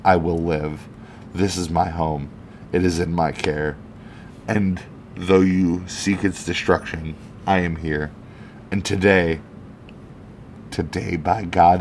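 A man reading out the earnest, measured public speech of a heroic male alien superhero. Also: low voice, darkish tone, slight background noise. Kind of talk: reading a comic speech aloud.

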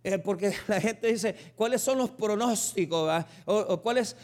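A man's voice: sits high, a little slow, darkish tone. A male pastor, preaching a Sunday sermon in a conversational way, with humor and rhetorical questions. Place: church service.

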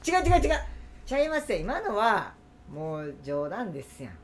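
A woman with a Kansai accent co-hosting a casual podcast chat, playfully confident and quick to laugh. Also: medium pitch, big pitch swings, slight background noise.

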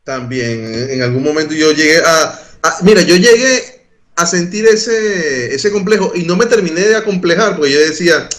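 A young man with a Venezuelan accent and a deep voice, co-hosting a podcast in casual, joking chat. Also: moderate pace, a bit bright, echoey room. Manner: teasing, joking. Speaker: podcast co-host.

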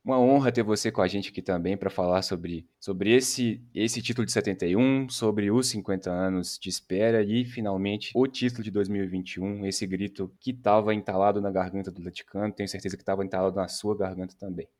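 A man's voice: fairly low pitch, fairly even intonation, a little fast, few pauses, a little mellow. A Brazilian man hosting a podcast in a conversational way. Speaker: podcast host.

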